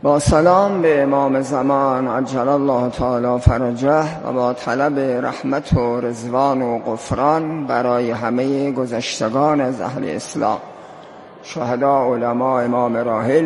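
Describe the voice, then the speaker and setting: A man's voice: medium pitch, slight background noise. A male cleric preaching emphatically at a ceremony, in a hall with long reverb. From South Khorasan, Iran. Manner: emphatic, rising to fervent preaching. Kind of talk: religious talk at a ceremony.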